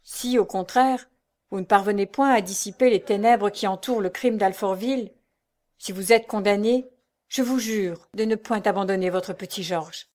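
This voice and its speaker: A woman doing a gentle village priest. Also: mid-range voice, normal speed, natural voice. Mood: consoling. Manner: calm, consoling, solemn.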